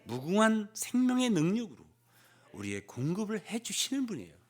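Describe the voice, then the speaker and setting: An older man preaching a sermon as pastor, often prodding the congregation with a questioning "eh?" and swinging between loud emphasis and hushed asides. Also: high voice, wildly swooping pitch, a little fast. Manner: peppers phrases with prodding "예?" to the congregation.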